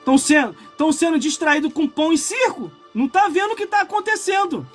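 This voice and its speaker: Brazilian pastor in his 40s, live-streamed sermon, pitched high, fervent and prone to shouting, quiet music underneath. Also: animated, a little fast. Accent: Brazilian Portuguese. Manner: impassioned preaching that swells into shouts, broken by chatty asides to viewers.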